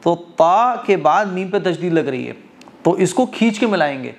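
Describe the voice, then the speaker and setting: Guy teaching quran reading, slightly high voice, walks through rules step by step then chants verses slow and stretched. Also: animated. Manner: explains step by step, often checks understanding; chants verses slowly with drawn-out vowels. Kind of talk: tajweed lesson.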